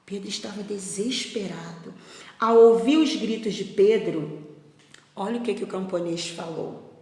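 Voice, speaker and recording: Brief: woman teacher, storytelling for kids, gentle and expressive, echoey room with a long tail. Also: mid-range voice, measured pace. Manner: expressive, gentle, asks the children questions. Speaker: primary school teacher. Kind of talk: storytelling for children.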